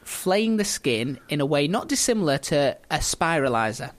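A man's voice: fairly high pitch, very animated, normal speed. A man casually telling a history story on a podcast, chatty and joking, laughing often.

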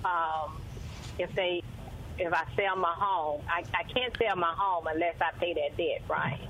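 A woman's voice: fairly low pitch, a little slow, fairly bright tone, a little hiss or hum. A woman calling in over a phone line to a radio show. She speaks hesitantly and halts with many fillers. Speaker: caller. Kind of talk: call-in radio chat.

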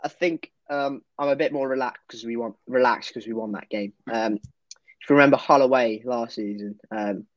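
A man co-hosts a football podcast and talks through a match review in relaxed chat. He hesitates a lot and restarts his sentences. The sound is dull and very dry, as if captured close in a small, deadened room. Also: medium pitch, moderate pace, no echo. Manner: hesitant, lots of fillers and restarts.

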